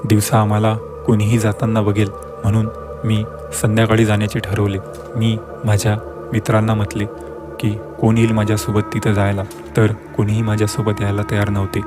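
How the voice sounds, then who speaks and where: A man reading a scripted horror story aloud as a storyteller, in an even, steady manner. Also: on the low side, fairly quick, music in the background.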